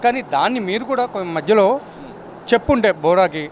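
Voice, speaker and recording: A man's voice: sits high, animated, a little fast, a little hiss or hum. A man interviewing a pastor, pressing him with challenging questions.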